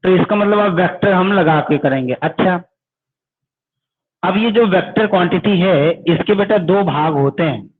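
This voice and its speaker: A man teaches physics in a fairly high voice, quizzing his students and answering for them. The sound is thin and phone-like. He talks to the class as "beta". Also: moderate pace. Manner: addresses students as "beta", asks questions and answers them himself. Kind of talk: online class lecture. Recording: tinny phone-like audio.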